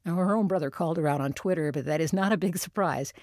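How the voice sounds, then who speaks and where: A woman's voice: lowish voice, quick pace, darkish tone, no echo, clean studio sound. A woman hosting political commentary, talking in a sarcastic, scornful way.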